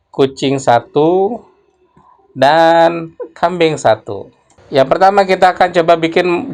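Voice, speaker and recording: A man talks through a coding tutorial, unhurried and explanatory, as if thinking aloud while he types. His voice has a gravelly, creaky edge, and his delivery is slow and deliberate. Keyboard clicks sound softly behind him. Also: on the high side. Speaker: programming tutor. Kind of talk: screen-recorded coding tutorial.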